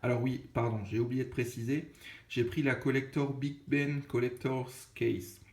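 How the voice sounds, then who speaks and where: A man's voice: mid-range voice, fairly even intonation, moderate pace, a little mellow. Chatty Alsatian man in an echoey room. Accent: Alsatian French. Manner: chatty, casual, with frequent fillers and self-corrections. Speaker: unboxing video host. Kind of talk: casual unboxing commentary. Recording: echoey room with faint noise.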